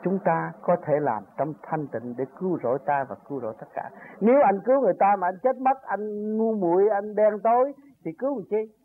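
An older man delivers an earnest, rambling spiritual talk in a high, animated voice at a slightly quick pace, building to emphatic peaks as he recounts his own journey. The recording sounds tinny, like a phone, with faint noise.

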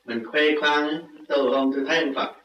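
A man answering questions as a meditation teacher, speaking in gentle short phrases and laughing often. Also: on the high side, fairly even intonation, quick pace. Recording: roomy, distant mic with ambience.

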